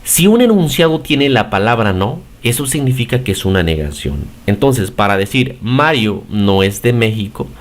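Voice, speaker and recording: A man's voice: mid-range voice, big pitch swings, normal speed, few pauses. A man giving a recorded English grammar lesson in Spanish, explaining step by step and checking in with "ok?". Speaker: English teacher.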